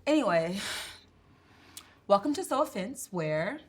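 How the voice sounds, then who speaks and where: A woman's voice: mid-range voice, very animated, a little slow, a loud crowd. A woman playing a blunt, sarcastic young podcaster who swears freely. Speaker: podcast co-host. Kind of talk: comedy sketch.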